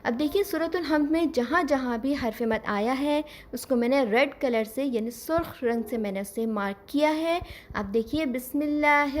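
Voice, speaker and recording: A woman teaching Quran recitation, explaining patiently step by step and slowing down to model each sound. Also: high-pitched. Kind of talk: scripted lesson.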